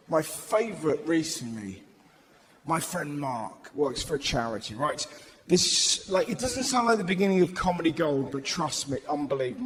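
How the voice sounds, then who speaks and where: A man's voice: fairly high pitch, slight background noise. A man doing stand-up comedy on a large theatre stage, telling stories with energy and acting out voices, recorded live with audience laughter. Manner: energetic storytelling with acted-out voices.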